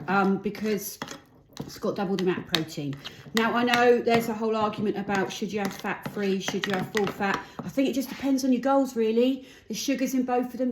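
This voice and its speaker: A woman's voice: medium pitch, darkish tone. A woman with a Cockney accent chatting casually and informally as she explains and demonstrates food for a vlog. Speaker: vlogger. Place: indoors at home. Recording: echoey room with light noise, clicks.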